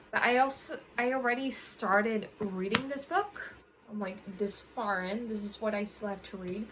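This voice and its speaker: A woman's voice: mid-range voice, fairly bright tone, slight background noise, rough recording. Rambling young woman book vlogger. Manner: rambling, with frequent self-corrections and fillers. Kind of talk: casual chat to camera.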